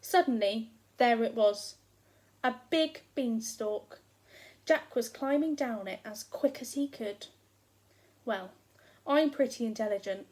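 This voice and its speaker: A woman with a higher-pitched, darkish voice reads a storybook aloud in the first person as a giant husband, huge, hungry and self-pitying. Very slowly and deliberately, he grumbles sarcastically, complaining and stressing each grievance in a rueful mood.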